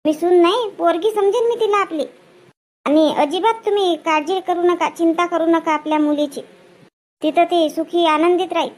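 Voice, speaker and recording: A woman, acting a chatty village woman at a wedding in a comedy skit, brisk and bossy, tagging her lines with questioning hums. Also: very high voice, steady tone, a little mellow. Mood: reassuring.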